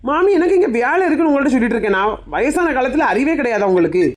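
A woman's voice: sits high, lively intonation, racing. A woman with a Kanyakumari Tamil accent playing a young, argumentative daughter-in-law in a comic family sketch. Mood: bickering. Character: young sulky daughter-in-law, quick to argue.

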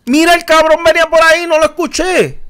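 High-voiced Puerto Rican gamer yelling. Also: male voice, steady tone. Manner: jumpy, yelling and swearing, quick repeated outbursts. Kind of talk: live horror game commentary.

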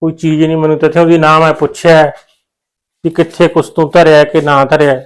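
A man's voice: fairly high pitch, flat delivery, a little fast, clean tone, close to an everyday voice. An actor playing a worried village man with a Punjabi accent, muttering to himself. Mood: fretting. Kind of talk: village short film acting.

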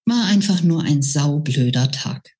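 A woman's voice: low voice, expressive, unhurried, mellow. A woman reading a novel aloud and voicing a brash, cheeky young woman who talks bluntly. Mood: frank.

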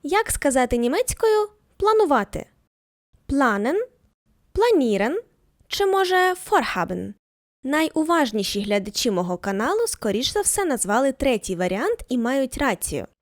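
A woman teaching a German lesson, reading each example sentence slowly twice and then translating it. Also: high voice, very animated, dry recording, studio quality. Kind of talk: scripted language lesson.

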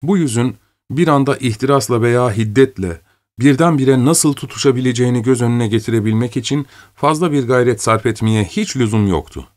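A man narrating an audiobook in a measured, deliberate way. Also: medium pitch, darkish tone. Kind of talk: scripted narration.

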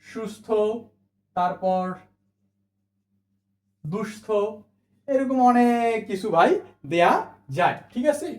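A teacher works through spelling rules for exam students, repeating each point and answering their own questions. The voice sits at a middling pitch and rings in an echoey room. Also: takes it slowly, pauses often, darkish tone. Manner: mixes English words into the talk. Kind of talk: admission exam spelling lesson.

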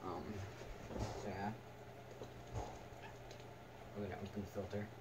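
A young man giving a casual, halting, unscripted product review in short fragments. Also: sits low, flat delivery. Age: teens to young adult. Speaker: video reviewer. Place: small attic room indoors. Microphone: camera a few metres away. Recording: distant camera mic, noisy room.

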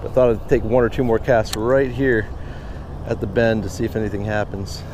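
Outdoors at a pond, an American fishing vlogger in his thirties or forties speaks in a lowish, steady voice, a little fast, over background noise. He gives casual, chatty commentary and refers to his audience as "guys."

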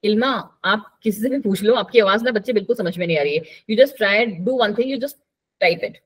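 A woman's voice: mid-range voice, moderate pace, breathy edge. A woman teaching a live online biology class, chatty and coaxing, mixing English terms into her talk.

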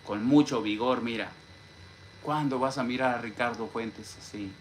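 A man's voice: mid-range voice, fairly even intonation, normal speed, a little hiss or hum. A man from Mexico with a Mexican accent, ranting boastfully on his live-stream vlog. He tosses in "hombre" constantly and greets viewers from the chat as he talks. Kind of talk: casual live-stream rant.

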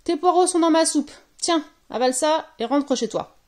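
A grumpy, cunning old witch from a storybook, put on by a woman reading aloud at home on her sofa. Her voice is high and cranky, and she snaps out her lines slowly, dragging them. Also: big pitch swings, darkish tone. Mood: grumbling.

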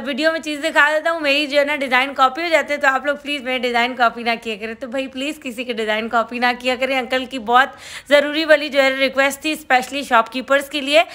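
A woman with a Karachi Urdu accent narrates a market shopping tour, her voice high-pitched and bright. She talks in a chatty, eager way, reeling off prices as she goes. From Pakistan. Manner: chatty, enthusiastic, listing prices. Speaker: shopping vlogger.

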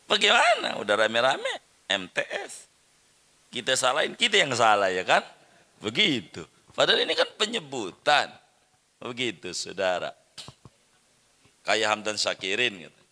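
A man's voice: mid-range voice, huge pitch swings, unhurried, pauses often, pushed and bright. A middle-aged man teaching a religious study lecture, repeating words and drilling Arabic pronunciation for his listeners. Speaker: Islamic teacher.

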